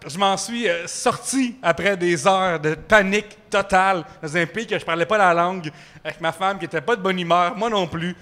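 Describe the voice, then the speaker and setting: Québécois man, 30s, high bright voice, animated live-podcast storyteller, slangy. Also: moderate pace. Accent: Québécois French. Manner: animated, lots of fillers and slang. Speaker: guest storyteller. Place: microbrewery with live audience.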